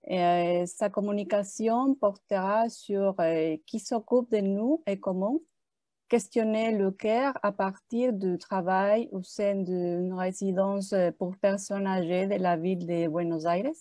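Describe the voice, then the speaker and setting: A woman moderator introduces the day's speakers at a slow, halting pace, stopping often to search for words. Her voice is low and mellow, with a dry, close sound from a video call. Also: fairly even intonation, no room sound. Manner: hesitant, many pauses and fillers. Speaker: seminar moderator.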